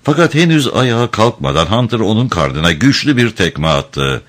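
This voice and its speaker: A man narrating a dark adventure storybook in a measured, grave way. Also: lowish voice, big pitch swings. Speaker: audiobook narrator.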